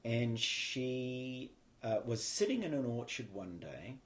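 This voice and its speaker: A man with a New Zealand accent, a spiritual teacher, shares his life story as a guest in a casual storytelling interview. His voice is medium-pitched with lively intonation and a slow pace. He tends to meander thoughtfully and restart his sentences.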